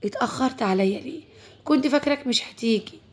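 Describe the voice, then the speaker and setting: A sly, teasing Egyptian stepmother who quickly turns defensive, read by a woman storyteller. Her voice is husky and a bit high. The effect is a storybook character. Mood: flirtatious. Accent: Egyptian Arabic.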